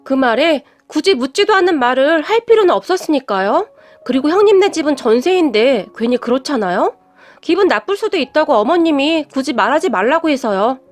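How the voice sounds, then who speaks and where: A woman narrating her own story in the first person, calm and matter-of-fact. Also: high-pitched, fairly quick, faint music behind.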